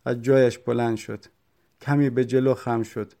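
A man's voice: medium pitch, fairly even intonation, warm tone. A man narrating a first-person story in a dramatic reading style, acting out the dialogue.

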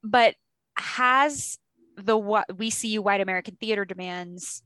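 A woman's voice: mid-range voice, unhurried, pushed and bright, smooth, dry recording. A woman hosting an interview, curious and stacking several follow-up questions. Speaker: host.

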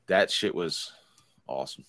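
A man in his thirties co-hosts a casual podcast, rambling and cursing his way through laid-back stories. His voice is low and unhurried with a slight brightness, captured in a dry, studio-quality recording.

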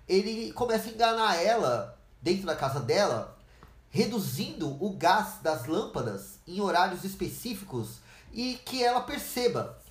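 Earnest Brazilian woman with lively pitch. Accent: Brazilian Portuguese. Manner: earnest, acts out dialogue in quick changing voices. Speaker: podcaster. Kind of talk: podcast monologue. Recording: echoey room.

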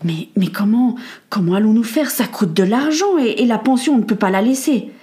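A woman's voice: a little high, animated, brisk, warm tone, close to an everyday voice. Worried practical landlady for an audiobook, in a woman narrator's voice, stammering. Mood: fretful. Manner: fretful, stammering. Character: worried boarding-house landlady, practical wife.

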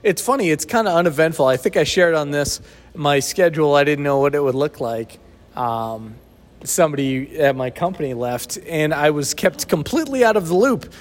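Easygoing podcast guy, kinda high voice, teasing, big echoey hall sound all around him. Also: animated, moderate pace. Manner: easygoing, teasing, chuckles often. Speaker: podcast co-host. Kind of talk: casual chat. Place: sheltered outdoor spot by an abandoned building.

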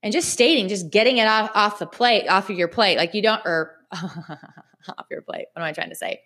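A woman giving a casual motivational talk to her viewers, chatty and animated, repeating phrases for emphasis. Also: medium pitch, moderate pace. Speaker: vlogger.

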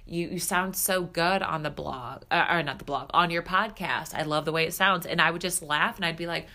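On her solo podcast, this thirty-something host and spiritual coach talks casually and openly, packing her speech with fillers. She speaks at a normal pace in a voice on the low side, with a bright, forceful tone and a slightly congested, nasal quality.

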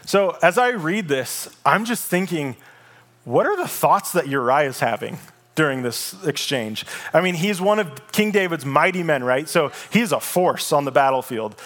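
A male pastor delivers a sermon in a relaxed, conversational way. He tells the story casually, slips in everyday slang, and reads scripture aloud in a slightly high voice. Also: moderate pace.

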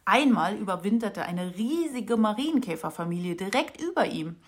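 A woman narrating a children's storybook with an expressive, lively reading. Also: medium pitch, normal speed.

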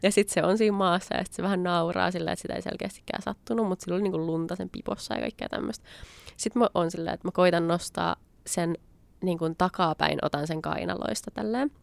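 Young woman telling a story casually, kinda low gravelly voice, dry close sound. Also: fairly even intonation, no echo. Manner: chatty, acts out her own past lines with quoted asides. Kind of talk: casual spoken anecdote.

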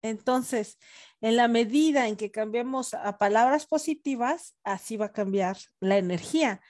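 Slightly high woman explaining. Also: moderate pace, darkish tone. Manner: explanatory and playful, chuckling asides. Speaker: podcast co-host. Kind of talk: casual spiritual chat.

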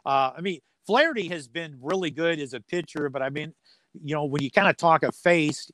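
Interviewed as a guest, a man who calls radio sports play-by-play jokes around in a folksy, casual way full of dry humour. He speaks fairly quickly in a high, slightly bright voice, with no room sound on the recording.

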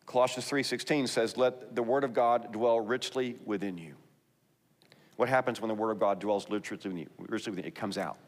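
In a lowish voice and at a fairly quick pace, a Texan pastor delivers a conversational, emphatic sermon, pausing his remarks to read scripture aloud. The large hall gives the recording a long reverb.

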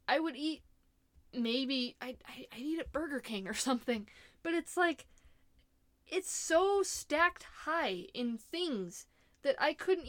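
A woman's voice: sits high, fairly bright tone, no echo. A young woman ranting casually about her opinions in a chatty, exasperated way, laughing often. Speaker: vlogger.

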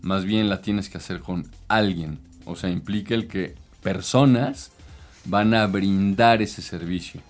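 A man's voice: deep voice, a little slow, faint music behind. A man, a consultant, explaining business ideas in casual chat, with many hesitations and fillers.

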